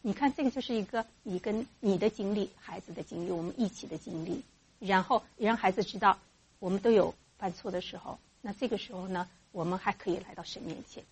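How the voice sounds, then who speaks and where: A woman giving a church teaching to mothers about raising children in faith, lively and acting out parent and child voices as she goes. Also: mid-range voice, fairly quick, breathy edge.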